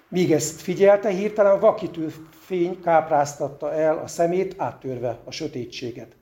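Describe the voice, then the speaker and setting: A man reads a story aloud in a fairly high, mellow voice. His delivery is plain and unpolished, with a few self-deprecating asides. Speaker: reader.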